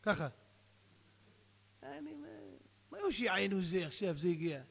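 A man preaching with a very high, bright voice that rises and falls a lot. He tells jokes and acts out little dialogues, sometimes shouting. The sound rings with a long hall reverb. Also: very animated, vocal fry, slightly rough. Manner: jokey storyteller acting out dialogues, bursts into shouting. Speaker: rabbi giving a talk. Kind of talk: humorous sermon with acted anecdotes.

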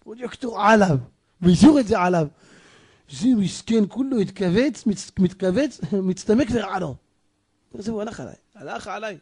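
A man with a high voice tells a folk tale to a live group and calls them gentlemen. He acts out every character and moves from hushed, secretive narration to loud, shouted outbursts. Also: lively intonation, slightly rough. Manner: addresses listeners as gentlemen. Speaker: storyteller. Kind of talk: animated folk tale telling.

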